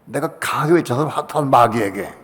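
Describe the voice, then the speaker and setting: A male pastor preaching a Friday evening sermon, passionate, dropping to quiet asides and rising to shouted declarations. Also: mid-range voice, moderate pace, long reverb tail. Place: church sanctuary.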